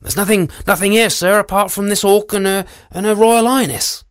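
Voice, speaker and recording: A man's voice: high voice, steady tone, moderate pace, no room sound, clean studio sound, pitched above the performer's own voice, lightly acted. A man voicing a nervous palace guard who fumbles his words and titles. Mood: flustered. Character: flustered bumbling palace guard, male.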